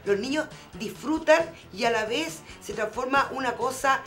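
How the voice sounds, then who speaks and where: A woman's voice: high voice, normal speed, fairly bright tone, faint music behind. Woman co-host, chatty. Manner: chatty, joking, agreeing. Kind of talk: casual TV panel chat.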